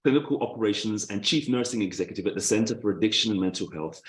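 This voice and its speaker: A man's voice: on the low side, fast talker, echoey room, poor audio. A man, a bit out of breath, introducing a guest speaker in a chatty way over a video call. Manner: chatty, laughs easily, restarts phrases.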